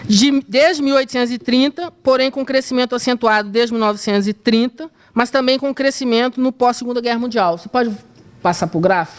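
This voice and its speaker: Brazilian woman academic reading her paper. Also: fairly high pitch. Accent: Brazilian Portuguese. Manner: measured reading with hesitant asides to the slide operator. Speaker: university historian presenting a paper. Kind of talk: academic conference talk, reading a prepared paper.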